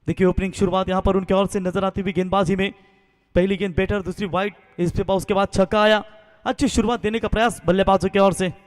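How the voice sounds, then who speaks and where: A man with a Maharashtrian Indian accent giving excited live cricket commentary, lifting his voice for the big shots. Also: high-pitched, fast talker. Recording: long hall-like PA reverb.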